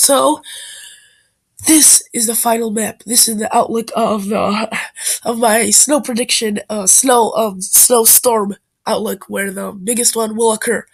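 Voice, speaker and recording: A woman's voice: fairly high pitch, creaky, breathy edge, poor audio. A woman with a stuffed-up, nasal voice from a bad cold, informally narrating an amateur weather forecast video.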